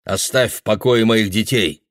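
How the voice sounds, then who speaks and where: A man's voice: lowish voice, a little slow, a bit bright, no room sound, studio quality. A man reading aloud and voicing a furious grown father whose voice comes out choked and strained. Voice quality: tight, choked voice.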